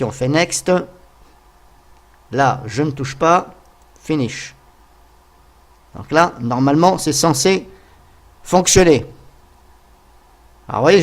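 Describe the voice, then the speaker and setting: A man narrating a casual software tutorial, thinking aloud as he goes and talking to viewers with frequent hesitant fillers. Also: fairly high pitch, animated, slow, pauses often. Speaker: tutorial host.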